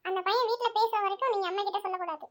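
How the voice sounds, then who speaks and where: A woman's voice: very high voice, rapid-fire. A woman playing Sathya, a frank young student. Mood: pleading. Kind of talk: audio story voice acting.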